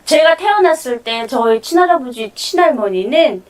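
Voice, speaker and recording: A fairly high woman's voice, picked up a little away from the mic, hosting a relaxed chat. She listens closely, answers with short reactions, and laughs along with her guest. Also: moderate pace, far from the mic. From North Korea. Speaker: host. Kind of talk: casual chat. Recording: voice a bit off-mic.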